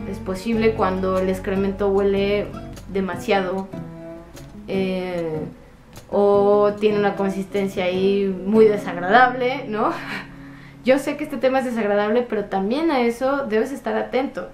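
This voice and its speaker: A woman vlogger chatting casually to camera, giving advice in a friendly way full of fillers. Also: mid-range voice. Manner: chatty, warm advice with diminutives and frequent fillers. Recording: echoey room with guitar music.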